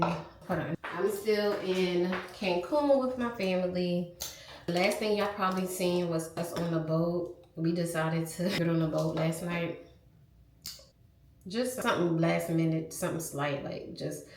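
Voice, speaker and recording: Fairly low and darkish, the nasal, congested voice belongs to a young woman vlogging from a vacation resort. She speaks to her phone camera in candid, chatty travel-vlog style, addressing everyone as "y'all," amid a roomy sound and slight background noise.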